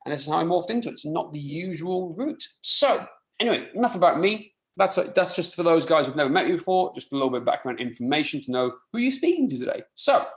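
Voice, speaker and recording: This male speaker, whose voice sits on the high side, is a fitness coach giving an informal live online presentation. He comes from rural mid Wales and speaks Welsh as his first language; the webinar sound is roomy with noticeable echo.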